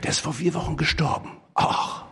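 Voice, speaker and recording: A man's voice: on the high side, steady tone, moderate pace, gravelly, fairly bright tone, husky, big-room sound. An older man preaching a sermon, telling a personal story full of quoted dialogue and fillers.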